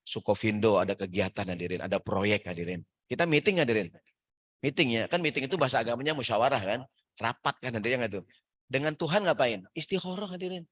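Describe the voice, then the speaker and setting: A man preaching a lively, jokey sermon in a mosque, often calling out to the audience and acting out characters in higher voices. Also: fast, dry recording. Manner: lively, jokey, keeps addressing the audience as "hadirin". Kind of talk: humorous sermon to an office congregation. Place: mosque prayer hall.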